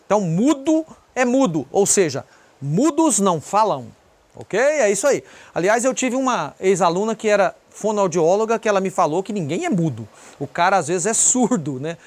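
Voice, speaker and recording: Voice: mid-range voice, sing-song. Brazilian English teacher explaining pronunciation. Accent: Brazilian Portuguese. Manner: explanatory, repeats example words slowly, points to written examples. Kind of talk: pronunciation lesson.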